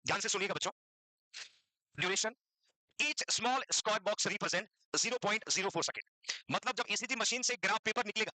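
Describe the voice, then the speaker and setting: A man's voice: sits high, sharp tone, dry recording, rough recording. A man teaching a classroom lecture for nursing exam students, mixing English terms into his Hindi, repeating key points and quizzing the class.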